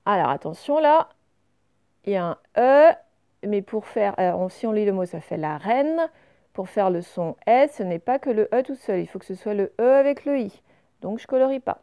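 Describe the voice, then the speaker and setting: A woman teacher going carefully through reading exercises for young pupils, saying each word clearly before explaining it. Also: mid-range voice, expressive, moderate pace, dark tone. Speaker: primary school teacher.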